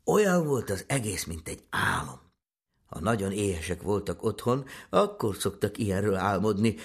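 Low-voiced man reading a fairy tale, husky tone, lively melodic delivery. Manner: gentle, expressive storytelling. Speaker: storyteller.

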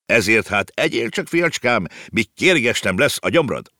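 A man voicing a hearty, eccentric older uncle who cries out eagerly, in a voice pitched well above his own. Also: big pitch swings, bright, forceful tone, dry recording, clean studio sound. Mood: jovial. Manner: hearty, exclamatory.

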